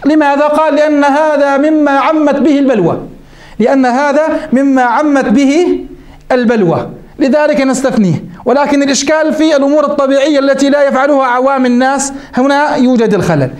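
Male sheikh, quick high-pitched teaching voice, asks rhetorical questions, echoey room. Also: a little mellow. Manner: quotes the text then explains, asks rhetorical questions. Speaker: sheikh teaching Islamic jurisprudence. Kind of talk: religious lesson explaining a text.

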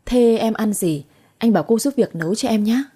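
A woman's voice: on the high side, fairly quick, mellow, breathy edge. A woman voicing an elderly man who scolds his granddaughter and dotes on his young wife. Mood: doting. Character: elderly man, doting husband, stern grandfather.

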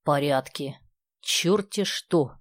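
A woman reads a self-assured teenage boy in an audiobook, argumentative and sure of himself. Her voice stays low and close to her own, with a dry, close sound. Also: normal speed, dry recording. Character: confident, opinionated teenage boy.

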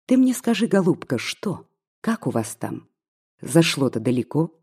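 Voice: mid-range voice, sing-song, a little slow, a little mellow, breathy edge, exaggerated voice. A reader putting on a spiteful old maid. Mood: prying. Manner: mocking, scolding, prying. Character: spiteful gossiping old maid, sharp-tongued.

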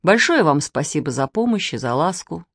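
A woman reader voicing a downcast grown man who speaks quietly and with resignation in a storybook. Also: low-pitched, very animated, moderate pace, breathy edge, no echo, clean studio sound, exaggerated voice. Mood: resigned.

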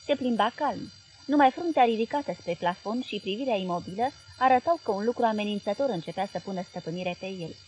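A woman reading a novel aloud as audiobook narrator, steady and expressive. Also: medium pitch, soft background music, rough recording.

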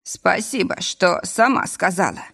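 Woman doing a slow, sighing old man in a hospital bed. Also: on the low side, animated, creaky, fairly bright tone, full character voice. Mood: pleading. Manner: slow, sighing, breathless delivery. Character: weak old man in intensive care, gasping, sly.

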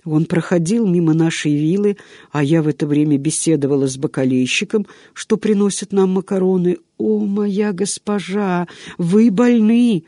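A man voicing a long-winded old female servant who tells everything slowly and in order. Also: fairly high pitch, dark tone, no room sound, studio quality, close to an everyday voice. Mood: garrulous. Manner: rambling, drawn-out storytelling.

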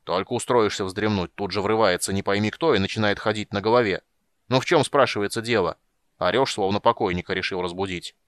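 A man's voice: fairly low pitch, a little fast, a bit bright, no echo, studio quality, close to an everyday voice. A man reading an audiobook, voicing a grumpy, sleepy male stranger in a robe who talks in an irritable grumble. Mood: grumbling.

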